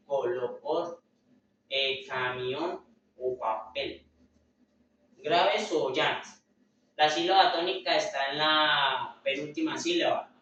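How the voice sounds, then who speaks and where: A young man gives a slow, hesitant class presentation, full of fillers and restarted words. His voice is bright and a little high, and it reaches a distant mic in a very echoey room. The recording is dull and lo-fi. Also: slight background noise. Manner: hesitant, filler-heavy, self-correcting. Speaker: student presenter.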